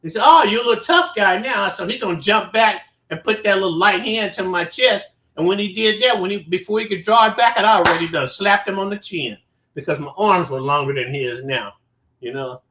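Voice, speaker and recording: A man's voice: high voice, fairly quick, sharp tone, slight background noise. A man telling a story about his childhood in a casual way. He talks bluntly, swears a lot and rambles. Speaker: show host. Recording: roomy echo.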